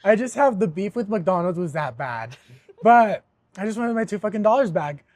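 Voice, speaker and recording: A man's voice: sits high, normal speed, dry recording. Young man ranting, swearing a lot. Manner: animated, swears a lot, laughs while telling a story. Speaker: podcast host. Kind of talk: casual storytelling chat.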